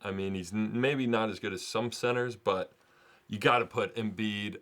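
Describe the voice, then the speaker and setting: A man's voice: on the low side, normal speed, a bit bright. A man hosting a sports video, talking casually in a rambling, self-deprecating way. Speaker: sports vlogger and host.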